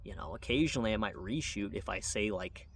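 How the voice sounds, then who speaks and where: Casting: introspective American male vlogger with a lowish voice, rambling hesitantly, recorded from a distance with audible noise. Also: lively intonation, brisk, creaky. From Wyoming, United States. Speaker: video channel host. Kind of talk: unscripted reflective monologue to camera. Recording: distant mic, noisy background.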